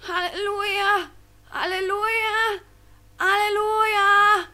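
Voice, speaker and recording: A woman voicing a small, worried boy angel with a croaky, whiny voice in a storybook reading. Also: extremely high pitch, unhurried, a bit bright, pitched above the performer's own voice. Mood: anxious. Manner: whiny and plaintive.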